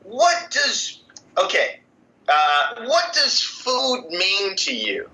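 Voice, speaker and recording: Slow, bright-voiced male interviewer. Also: very high-pitched, sing-song, poor audio. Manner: teasing, playful. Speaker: casting interviewer. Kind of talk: casual casting interview.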